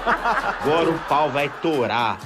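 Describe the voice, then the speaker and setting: A man's voice: on the high side, big pitch swings, takes it slowly. A Brazilian man speaking in playful exclamations. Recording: loud music and crowd behind clip.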